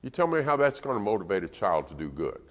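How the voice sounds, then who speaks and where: A middle-aged man with a low voice preaches to a congregation. He talks in an easy, conversational way and often breaks into lively acted-out lines from parents and children. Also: quick pace. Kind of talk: sermon.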